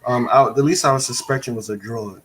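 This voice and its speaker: A man's voice: mid-range voice, fast talker, a little hiss or hum, poor audio. A man calling in as a guest fan, talking with many ums and restarts over an unstable internet call. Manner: hesitant, lots of ums and restarts. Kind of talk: casual opinionated chat. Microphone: remote call with an unstable connection.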